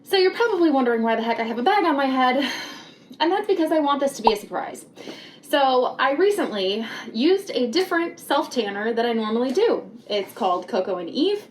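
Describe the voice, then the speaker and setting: A woman's voice: sits high, very animated, a little hiss or hum, rough recording. A woman giving a chatty, dramatic casual vlog review, speaking from under a bag over her head. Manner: chatty, dramatic emphasis with drawn-out, repeated words. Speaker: YouTube host. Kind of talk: casual rant-style product review vlog.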